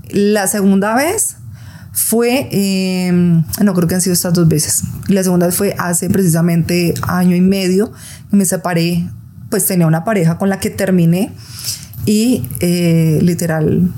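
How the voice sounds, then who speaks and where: A woman's voice: lowish voice, unhurried, dark tone. A middle-aged woman with a Colombian accent, talking candidly about her life as a podcast guest. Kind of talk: candid personal storytelling in an interview.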